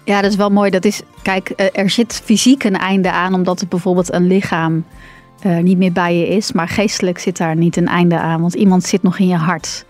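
A woman's voice: fairly low pitch, level tone, normal speed, a little mellow, soft background music. A woman speaking as a guest on grief, thoughtful and hesitant, with many fillers. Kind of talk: reflective conversation.

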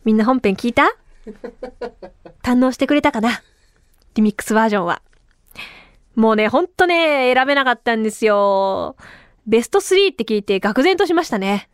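A woman in her thirties hosting a casual solo podcast, chatty and animated, her voice a little tired from talking a lot. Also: a little high, normal speed, long pauses, clear, resonant tone, no echo, studio quality. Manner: chatty and animated, with frequent laughs. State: tired voice from talking too much. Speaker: radio and podcast host.

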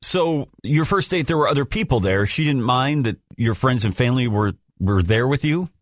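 A man co-hosting a morning radio phone-in show with a smooth radio host delivery. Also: mid-range voice, expressive, normal speed, dry recording, clean studio sound.

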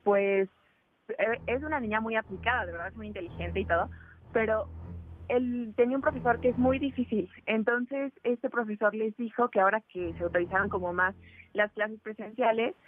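A woman's voice: fairly high pitch, normal speed. Hesitant woman caller on phone. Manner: hesitant, many fillers. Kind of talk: phone-in complaint. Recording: tinny phone line with faint hiss.

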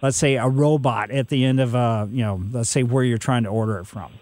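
Speaking fairly quickly in a steady, mid-range voice with a darkish tone, this sixty-something host gives meandering, homespun gardening tips on a call-in radio program, saying "you know" again and again. The studio recording is dry.

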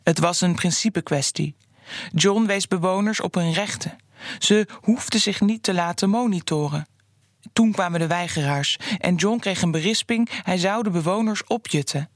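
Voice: mid-range voice, moderate pace, dry recording, studio quality, close to an everyday voice. A narrator reading the lines of a stubborn older man living in a care home, in a plain storytelling voice. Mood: recounting.

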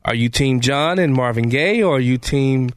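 A man hosting live talk radio from a studio, bantering and debating in an animated, conversational way. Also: medium pitch, moderate pace, clean tone, no echo. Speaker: radio talk show host.

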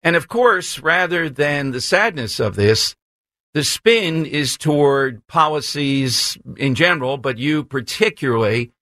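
A man's voice: a little high, expressive, unhurried, sharp tone, no room sound. An American man hosting a talk radio interview, framing his questions in a polite, discursive, conversational way. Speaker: radio talk show host. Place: radio studio.

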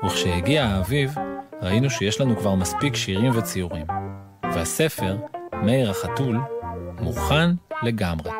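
A man reading a children's book aloud in an expressive, playful way, with music playing behind him. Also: lowish voice. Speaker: narrator.

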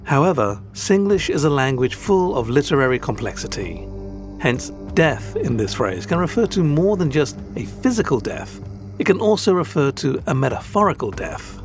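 Casting: British male podcast host, rigidly formal and wordy, lively intonation, mock-educational scripted read. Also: a little high, normal speed, soft background music. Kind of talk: scripted, tongue-in-cheek educational narration.

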